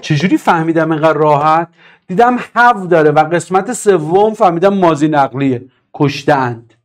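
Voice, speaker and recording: A man teaching English grammar in a live online class, reading and answering the chat and driving his points home with emphatic repetition. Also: a little high. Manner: lively, emphatic, repeats key points.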